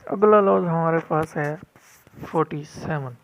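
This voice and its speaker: A man's voice: on the high side, creaky. A man teaching vocabulary, repeating each new word several times in a firm drill and mixing English glosses into his explanations. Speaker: language teacher. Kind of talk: vocabulary lesson. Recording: dull lo-fi recording.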